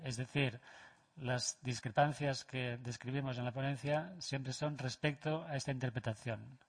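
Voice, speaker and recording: A man presenting a paper to an audience, speaking in a measured way with frequent hesitations. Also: mid-range voice, steady tone. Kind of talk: academic presentation.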